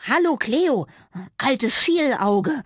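A woman voicing a small, plucky young girl mouse in a storybook reading, with a high, squeaky, piping voice and a cheeky, taunting manner. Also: lively intonation, very slow, slightly rough, dry recording, studio quality, heavily acted.

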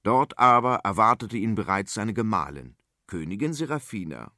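A man reading a fairy tale aloud, expressive and lively. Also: lowish voice, moderate pace, no room sound, clean studio sound. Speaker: narrator. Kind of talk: storybook reading.

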